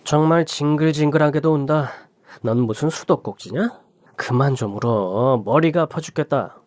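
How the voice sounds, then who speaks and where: A narrator voicing a cold, callous husband. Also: male voice, mid-range voice, normal speed, no room sound, natural voice. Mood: cold, dismissive. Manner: flat, dismissive.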